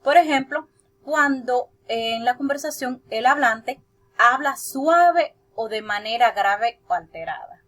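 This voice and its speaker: A young woman, a student teacher, giving a steady class presentation that she explains point by point, pausing now and then with hesitant fillers. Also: on the high side.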